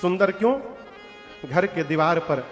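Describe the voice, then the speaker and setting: A man with a Purvanchal Hindi accent tells devotional stories in a folksy way, often speaking straight to his listeners. His voice is high and carries well. It echoes through a large hall over soft instrumental music. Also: a little slow. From Purvanchal, India. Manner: folksy, addresses the audience directly. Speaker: devotional katha storyteller. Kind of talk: devotional storytelling sermon with sung verses. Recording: long hall reverb with music.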